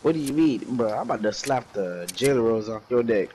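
A man's voice: medium pitch, lively intonation, fairly quick. A young man with a stuffed-up nose, in casual gaming banter, joking and ribbing his squad. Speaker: gaming video creator. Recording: noisy gameplay audio.

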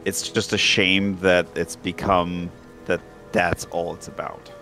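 Chatting casually during a co-op gaming session, this man has a deep, sharp-toned voice and a slow, flat delivery. Game music is faintly audible behind him.

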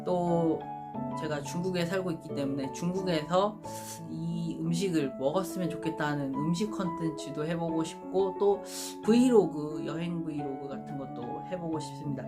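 A woman's voice: deep voice, moderate pace. A woman hosting her own channel, speaking in a formal, polite presenter style as she addresses viewers. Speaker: host of a sports prediction channel. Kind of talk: giveaway announcement to viewers. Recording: music behind the voice. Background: music.

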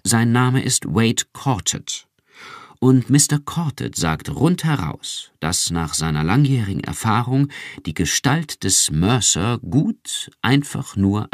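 A man's voice: on the low side, animated, takes it slowly, dry recording, studio quality. A man reading an audiobook, voicing a male research chief with a brittle, pedantic voice.

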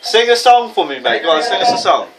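A man's voice: high-pitched, very animated, fast talker. A man with a London accent teasing his friends in casual game chat, picked up from a distance. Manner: teasing, mocking banter. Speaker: gamer in party chat. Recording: distant mic under loud game crowd noise.

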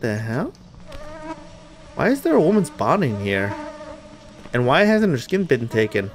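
A man's voice: mid-range voice, huge pitch swings, unhurried, slight background noise. A man giving let's play commentary on a horror game, jumpy and nervous, swearing often and talking to his viewers. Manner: talks to the viewers while playing. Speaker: gamer playing a horror game.

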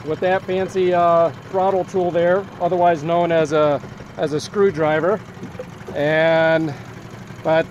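A man's voice: fairly high pitch, dull audio, slight background noise. A man in his thirties recording a casual video log on a sailboat deck, chatting with a wry sense of humor and laughing asides. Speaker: vlogger sailing crew member. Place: outdoors on a sailboat deck at sea. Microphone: handheld camera at arm's length.

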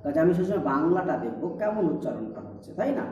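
A man's voice: fairly high pitch, very animated, quick pace, mellow. Patient male teacher in an echoey room. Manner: patient, repeats points with rhetorical questions. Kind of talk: explaining a lesson. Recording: echoey, distant, dull-sounding room recording.

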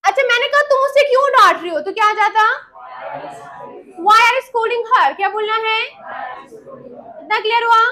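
High bright-voiced woman teaching English. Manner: slow, deliberate dictation of example sentences; repeats phrases and checks understanding. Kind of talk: classroom grammar lesson.

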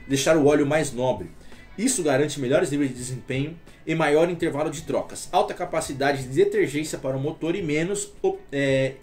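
A Brazilian man who sells motor oil, talking casually to the camera and reading a text aloud with halting restarts. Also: a little high, darkish tone. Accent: Brazilian Portuguese. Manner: chatty, explanatory, reads aloud haltingly with restarts.

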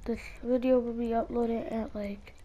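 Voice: medium pitch, level tone, normal speed, warm tone, slight background noise. A young, school-age gamer giving casual, hesitant, rambling gameplay commentary, talking with a split lip. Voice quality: speech hindered by a split lip. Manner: hesitant, rambling, repeats words. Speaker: gaming video creator.

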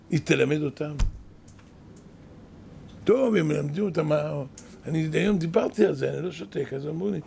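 Gravelly older man giving a sermon. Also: a little high, slight background noise. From Israel. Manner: animated, exclaiming and lamenting, storytelling. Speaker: kabbalist rabbi, yeshiva head. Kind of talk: weekly Torah lesson, sermon. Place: yeshiva study hall.

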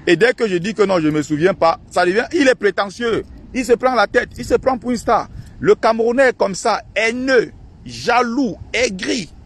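A man with lively intonation films himself on his phone beside a lake in a park, delivering an indignant, ranting, mocking monologue to his followers. He's an online activist and channel host, and his pitch shifts quickly over slight background noise in this outdoor vlog.

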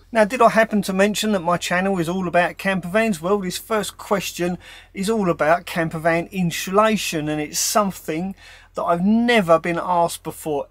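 A man chatting upbeat in a casual question-and-answer vlog, talking from inside his camper van. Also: high voice. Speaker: van life vlogger.

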